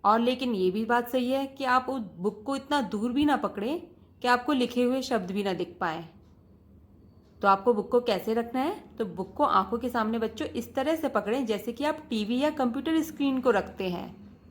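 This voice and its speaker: Woman teacher talking to kids, kinda high voice, patient, goes over stuff twice. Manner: patient, repeats points and addresses students directly. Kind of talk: classroom lesson for children.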